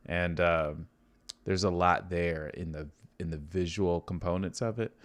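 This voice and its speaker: A man's voice: low voice, fairly even intonation, measured pace. A man, a filmmaker and studio co-founder, explains his projects at length in casual livestream chat, eager and upbeat.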